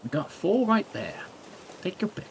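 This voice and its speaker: A man's voice: sits high, wildly swooping pitch, moderate pace, a little hiss or hum, voice pushed up, exaggerated voice. Guy doing a chuckly old dragonborn shop guy, old-man voice, friendly. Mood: genial.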